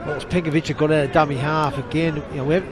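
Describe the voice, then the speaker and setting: A man's voice: fairly high pitch, fairly even intonation, fast talker. Male rugby co-commentator breaking down plays. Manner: chatty, explains plays, shouts at big hits. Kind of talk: live rugby league analysis. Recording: crowd noise behind.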